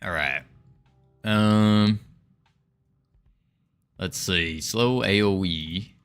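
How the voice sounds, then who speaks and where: A man's voice: low-pitched, very slow, clean tone, soft background music. A man streaming his game development, chatting casually with viewers and thinking aloud as he works. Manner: relaxed, chatty, greets viewers, muses while working.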